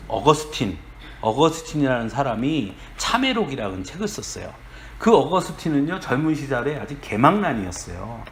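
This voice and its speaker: A male pastor giving a sermon, animated, acting out quoted voices and chuckling often. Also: on the high side, a little hiss or hum. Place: church sanctuary.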